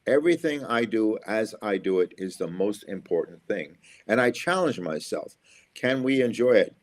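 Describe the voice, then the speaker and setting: A middle-aged engineer and school speaker from Florida, USA, talks at a normal speed in a lowish, expressive voice. His interview answers are upbeat and motivational, and he keeps repeating his key phrases.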